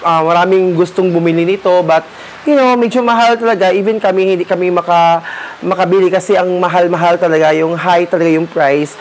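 A man's voice: high voice, steady tone, fairly quick, slight background noise. A man gives a casual, rambling tour of his home garden and keeps calling his viewers darling. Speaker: gardening vlogger. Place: home garden, partly outdoors.

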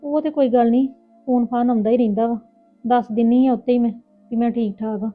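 Outspoken, indignant elder sister with a Punjabi accent, played by a woman. Very quick delivery, lo-fi thin sound with faint music. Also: on the high side, fairly even intonation, close to an everyday voice. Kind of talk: village family drama acting. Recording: tinny phone-like lo-fi with music.

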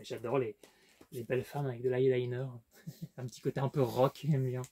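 French guy rambling about his collection, dark husky voice, lots of "euh". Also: medium pitch, little pitch movement, normal speed. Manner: hesitant, many fillers and restarts. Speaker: collector showing his purchases. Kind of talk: casual unboxing vlog chat.

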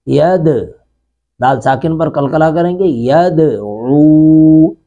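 A middle-aged man with a Pakistani Urdu accent teaching Quran reading in an online lesson, stretching out letters and syllables slowly, then explaining quickly. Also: a little high, expressive, a little mellow, highs cut off. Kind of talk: online lesson, spelling out Arabic letters and sounds.

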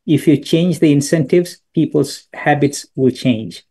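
A middle-aged Bangladeshi business school professor answers a question on a video call during an online lecture. His voice sits on the high side, mellow with a breathy edge, and he keeps a measured pace. He offers thoughtful anecdotes but restarts often.

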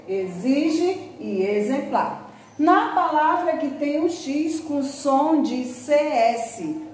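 Brazilian woman teacher, high and unhurried, patient and repetitive with kids, recorded in a very echoey room with faint noise. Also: a little mellow. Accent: Brazilian Portuguese. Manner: patient, repeats words slowly and calls to pupils. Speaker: grammar teacher. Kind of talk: recorded grammar lesson for children.

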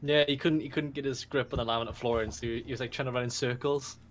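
A man chatting at a gaming session, telling a crude story with amusement. His voice is mid-pitched, with a faint background hiss. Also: steady tone, fast talker, a bit bright. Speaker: tabletop player. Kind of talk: casual chat during a game break.

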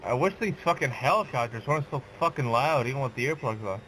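A man's voice: mid-range voice, expressive, fast talker, pushed and bright, slight background noise, rough recording. A drunk man swearing freely in casual game voice chat over a headset. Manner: loose, swears constantly. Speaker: gamer in squad voice chat.

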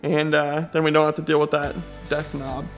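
A man's voice: a little high, completely flat delivery, normal speed, over music. A man casually vlogging a car build from his home garage, laid-back and slangy, thinking aloud with easy fillers. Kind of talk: casual chat to camera.

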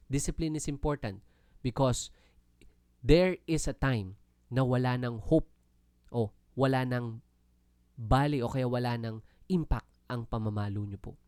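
A man's voice: mid-range voice, unhurried, pauses often, darkish tone, clear, resonant tone, no room sound, studio quality. A Filipino man with a Filipino accent giving an earnest, polite Bible teaching talk in mixed Tagalog and English. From Philippines. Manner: earnest, polite, often uses "po" and "no?".

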